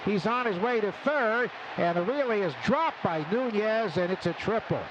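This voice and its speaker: At a noisy outdoor ballpark, a high-pitched man delivers live radio play-by-play in clipped little phrases at normal speed, with steady ballpark noise around him.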